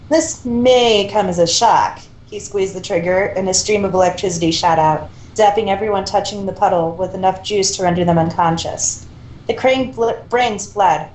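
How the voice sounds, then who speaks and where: A woman with a medium-pitched, slightly mellow voice reads a fan fiction story aloud as a co-reader. Her style is amateur with casual asides, and the recording comes from an echoey room with faint noise.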